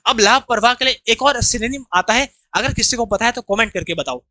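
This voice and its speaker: Indian male tutor, online vocab class, lively and bright, dry recording. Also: extremely high pitch, fairly quick, dry recording. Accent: Indian English. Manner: explains terms, has students repeat after him. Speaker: English teacher.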